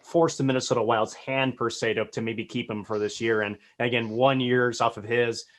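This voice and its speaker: A man co-hosting a podcast, discussing hockey prospects in a measured, agreeable way with fillers. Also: medium pitch, little pitch movement. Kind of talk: casual sports talk.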